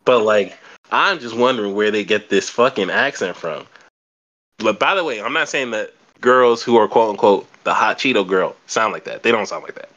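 A man's voice: fairly low pitch, lively intonation, moderate pace, fairly bright tone, lo-fi sound. A young man hosting a podcast, chatting casually and bluntly, swearing and repeating words as he thinks. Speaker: podcast host. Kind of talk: casual chat.

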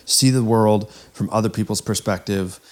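A man's voice: fairly low pitch, normal speed, darkish tone. A man co-hosting a podcast, telling a story in a casual way and breaking into laughter often. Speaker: podcast co-host.

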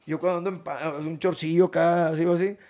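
A man's voice: on the high side, flat delivery, fast, a little mellow. A man, hosting a podcast and telling crude, slangy stories full of laughter. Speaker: podcast host. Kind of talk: casual chat.

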